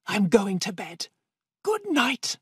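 A vain, spiteful old woman from a storybook, voiced by a woman reader. Her voice is raised and tense. She speaks slowly, with a breathy edge, and the recording is dry. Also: mid-range voice, sing-song, fairly bright tone, dry recording, exaggerated voice. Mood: bitter.

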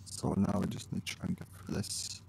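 Gravelly-voiced male gameplay host. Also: deep voice, level tone, a little fast, darkish tone, a little hiss or hum, low-quality recording. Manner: reads dialogue choices aloud, chatty asides to viewers. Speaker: let's play host. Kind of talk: casual gameplay commentary.

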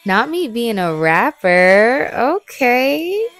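A woman's voice: fairly high pitch, very animated, extremely slow, a bit bright, soft background music. A young woman narrating a get-ready-with-me voice-over, chatty and playful, joking about herself. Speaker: beauty and fitness vlogger.

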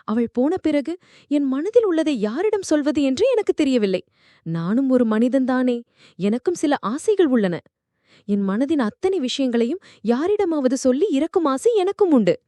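A woman's voice: high-pitched, lively intonation, normal speed, dark tone, dry recording. Woman reading as a lonely widowed father-in-law. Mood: mournful.

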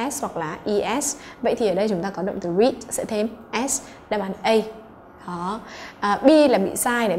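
A woman's voice: on the high side, darkish tone, a little hiss or hum. A woman English teacher, patiently going through exam answers and checking in with her students.

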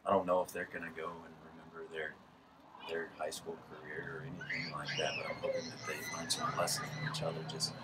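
A baseball coach in his thirties with a very low voice talks loosely in a postgame interview, restarting his sentences often. He sits in a press box over a night field. The mic sits some way off and a steady noise runs behind him. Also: fairly quick. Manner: casual, rambling with restarts and laughs. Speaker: high school baseball coach. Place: press box above a lit ballfield at night. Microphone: headset mic. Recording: distant mic with background noise.

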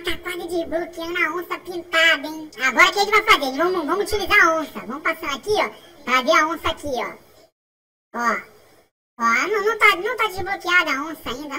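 Very high, bright Brazilian woman gamer. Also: far from the mic. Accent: Brazilian Portuguese. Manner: excitable, chatty, repeats phrases, frequent laughs and shouts. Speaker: gaming channel host. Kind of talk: mobile game commentary.

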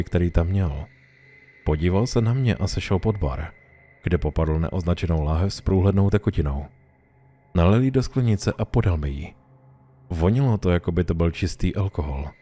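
A man reading a horror story aloud in a calm, measured storytelling voice. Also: deep voice. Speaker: narrator. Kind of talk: scripted horror story narration.

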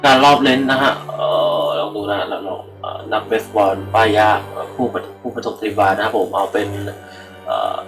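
A man's voice: lowish voice, a little fast, a bit bright, faint music behind, rough recording. Chatty young man doing let's-play commentary. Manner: rambling, chatty, swears freely, addresses viewers. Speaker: gaming channel host. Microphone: computer microphone.

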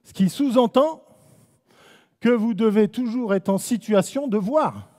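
A man's voice: high-pitched, unhurried, darkish tone. A man with a French accent running a live basketball coaching clinic, calling out short commands and teasing players. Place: indoor basketball gym. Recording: long echo of a gym hall.

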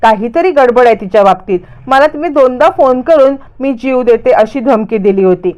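A woman's voice: fairly high pitch, animated, normal speed, a little mellow, dull audio, close to an everyday voice. A woman voicing a concerned young man who earnestly voices his suspicions.

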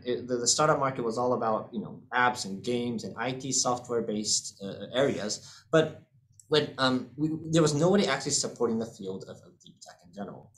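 Presenting his fund to an online seminar over a webcam video call, this thirtysomething man talks into a laptop mic from an indoor room. UK-born and raised in the US and Hong Kong, he has an American accent and a medium-pitched, fairly bright voice, and leans heavily on fillers and repetition.

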